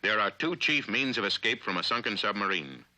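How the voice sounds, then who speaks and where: An American man narrates in an animated way, in the manner of a 1950s training film, his lowish voice very bright and forceful and his phrasing deliberate and authoritative. The recording is a dry, rough period film soundtrack.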